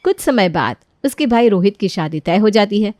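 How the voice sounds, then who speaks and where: A woman narrating a children's cartoon story in a clear storytelling manner. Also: medium pitch, animated, moderate pace, a little mellow, no echo, studio quality.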